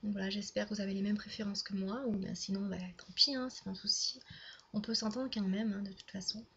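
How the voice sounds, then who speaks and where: A woman's voice: medium pitch, steady tone, fast talker, a bit bright, slight background noise. A young woman chatting casually to her viewers, rambling along with many fillers and restarts. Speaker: YouTuber. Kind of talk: casual chat to camera. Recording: dull lo-fi home video sound.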